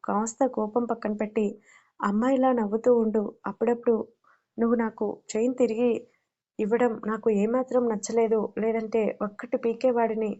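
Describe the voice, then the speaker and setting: Storybook figure: a woman playing a bossy, threatening young lover, monotone, dark, muffled. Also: a little high, normal speed, close to an everyday voice. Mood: possessive. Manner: commanding, threatening. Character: possessive domineering young man in love.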